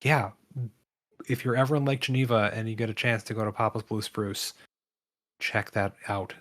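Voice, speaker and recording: A man's voice: on the low side, normal speed, a bit bright. A man co-hosting a board game podcast in casual chat, telling stories and laughing often. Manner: laughing, chatty storytelling. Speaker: podcast co-host.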